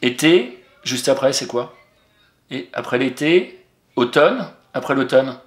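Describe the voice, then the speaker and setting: A patient, encouraging man walks a young pupil through spelling, sounding out each letter. His voice sits at an ordinary middle pitch. The room around him rings with noticeable echo. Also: animated, takes it slowly, soft background music. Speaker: teacher. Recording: roomy echo.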